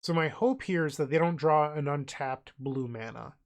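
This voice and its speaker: A congested, nasal-sounding man with a cold talks through his online card game move by move, thinking out loud in a casual way. His voice sits on the high side and moves at a normal speed.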